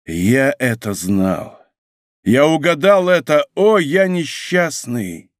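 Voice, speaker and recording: A man's voice: medium pitch, big pitch swings, slow pace, no echo, clean studio sound. A man voicing a distraught English lord who speaks in anguished, lamenting outbursts.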